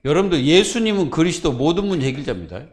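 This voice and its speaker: A man's voice: fairly high pitch, big pitch swings, quick pace. A man preaching a Friday sermon as pastor, asking the congregation questions and answering them himself.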